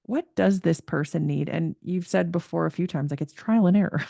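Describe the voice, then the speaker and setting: Chatty woman with a low gravelly voice. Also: normal speed, mellow, dry recording, studio quality. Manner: chatty, laughs often. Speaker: podcast host, pelvic floor practitioner. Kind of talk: casual interview chat.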